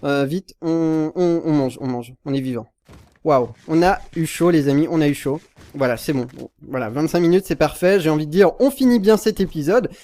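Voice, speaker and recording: Speaking at a normal speed in a mellow voice on the high side, a young man narrates his Minecraft gameplay for his channel. He wanders off-topic, fixes his own words, and occasionally lets out a startled, panicky yelp.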